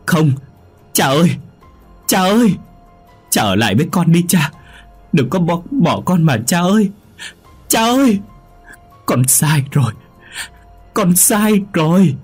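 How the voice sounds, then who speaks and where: A man's voice: high-pitched, big pitch swings, slow pace, long pauses, slightly rough, soft background music, voice pushed up, heavily acted. A man voicing a grieving, desperate young man who cries out and sobs over his dying father. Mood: sobbing. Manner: sobbing, crying out. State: crying.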